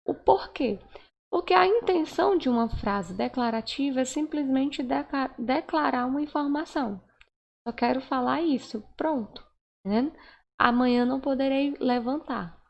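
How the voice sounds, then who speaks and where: A woman's voice: fairly high pitch, vocal fry, darkish tone. A woman teaching a grammar lesson, patiently checking in with her listeners and acting out the example sentences. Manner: slow, patient, checks in with "né?" and "certo?"; acts out example sentences with raised, stretched intonation. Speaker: Portuguese teacher. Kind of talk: recorded online grammar lesson.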